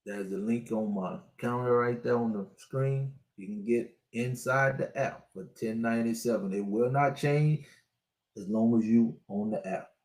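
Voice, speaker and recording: A man's voice: medium pitch, normal speed, a little mellow, roomy sound. A man in his sixties giving a preachy, repetitive motivational talk to his online viewers as a spiritual life coach. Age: 60s.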